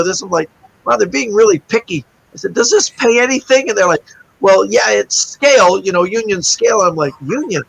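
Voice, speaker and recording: The recording quality is poor, and the man's voice is high. He's a middle-aged magician appearing as a guest in a relaxed interview, spinning a lively anecdote and performing everyone else's quoted voices.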